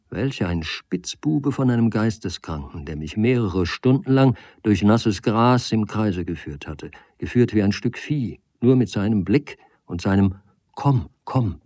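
A man reading a literary novel aloud in a measured way that grows animated in vivid passages. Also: low voice, no echo, clean studio sound. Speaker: audiobook reader.

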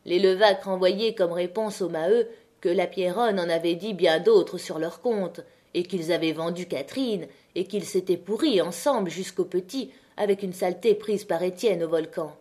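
A woman narrating a classic novel as an audiobook reader, with a measured, even delivery. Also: on the low side.

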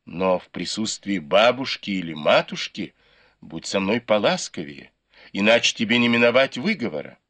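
A man's voice: lowish voice, big pitch swings, normal speed, fairly bright tone, exaggerated voice. A man reading the part of a pampered, teasing young nobleman in a storybook. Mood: pleading. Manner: coaxing, teasing.

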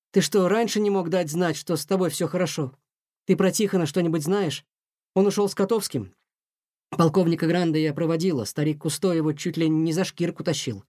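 A man voicing a worried female museum cat who talks quickly and scolds fondly. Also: on the high side, dark tone, dry recording, studio quality, natural voice.

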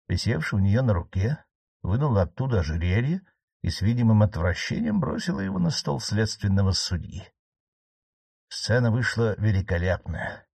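A man reads a novel aloud in a measured, storytelling way. His voice sits on the low side but moves expressively, and the recording is dry and close. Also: a little mellow, dry recording. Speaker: audiobook narrator. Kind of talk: scripted narration.

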